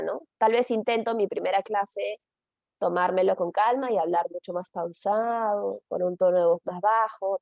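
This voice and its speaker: A woman's voice: medium pitch, dark tone, no echo. A middle-aged woman explaining a training session in a conversational way, often checking in with her listeners. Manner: conversational, frequent tag questions and fillers. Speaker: teacher trainer.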